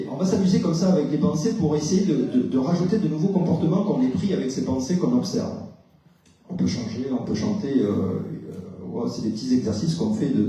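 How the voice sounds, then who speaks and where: A man speaks to a hall audience as a psychologist at a conference. He explains things patiently, keeps asking the room questions and fills pauses with hesitations. His voice is very dark and mellow, and it is picked up from a distance in a strongly echoing lecture hall. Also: mid-range voice. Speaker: psychologist giving a talk. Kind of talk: conference talk with audience exchange. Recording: very echoey hall, distant mic.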